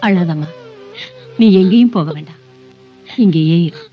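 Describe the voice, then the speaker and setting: A woman's voice: fairly low pitch, measured pace, lo-fi sound, faint music behind, lightly acted. An actress playing a loving foster mother who soothes and pleads with her grown son. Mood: soothing.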